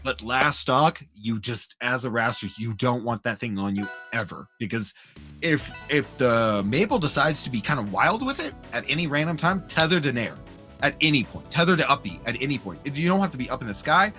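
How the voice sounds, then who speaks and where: A man giving live analytical commentary on a competitive fighting game match, with sudden excited outbursts. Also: mid-range voice. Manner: analytical, talks fast in bursts, excited outbursts. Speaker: esports commentator. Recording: game music behind the voice. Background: game music.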